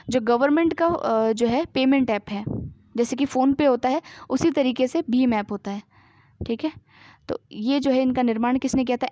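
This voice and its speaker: A woman with a high voice teaches current affairs to exam students. She reads each news item aloud, then breaks it down in simple asides full of fillers. The sound is close and dry, with no room echo. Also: warm tone. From India. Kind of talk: explanatory current-affairs lesson.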